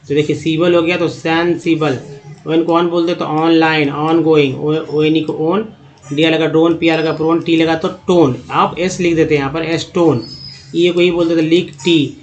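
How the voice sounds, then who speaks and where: A man teaching English reading in Hindi, spelling out letter groups slowly and repeating each sound for his viewers. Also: fairly high pitch. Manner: addresses viewers as friends, explanatory. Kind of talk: Hindi lesson on spelling patterns.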